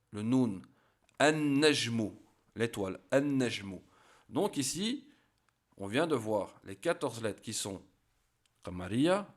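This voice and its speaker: A man teaching a language lesson, saying each example word slowly and then repeating it so learners can copy the pronunciation. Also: medium pitch. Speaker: Arabic teacher. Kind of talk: slow spoken lesson.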